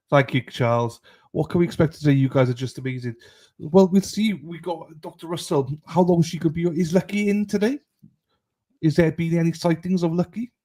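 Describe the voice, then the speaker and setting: A man's voice: a little high, fairly even intonation, normal speed, dark tone. A man hosting a livestream in casual chat, greeting viewers in a matey, irreverent, sweary way. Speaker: livestream host.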